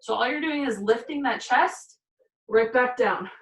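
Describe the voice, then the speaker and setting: A woman's voice: fairly high pitch, measured pace. Woman coaching exercises in an echoey room. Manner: talks through each move while doing it, counting reps. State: a little out of breath. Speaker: fitness instructor. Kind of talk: exercise demonstration. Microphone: camera mic from a distance. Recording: echoey room, voice far from the mic.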